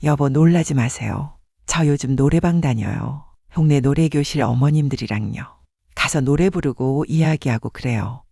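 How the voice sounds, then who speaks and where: A man's voice: medium pitch, normal speed, gravelly, mellow, breathy edge, dry recording, clean studio sound. A man doing a timid elderly wife. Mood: careful. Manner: careful, apologetic. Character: timid elderly wife, about seventy, gentle.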